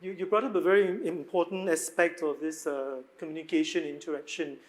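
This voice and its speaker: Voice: medium pitch, fairly even intonation, fairly quick, rough recording. A panel moderator, linking the discussion and reading out questions.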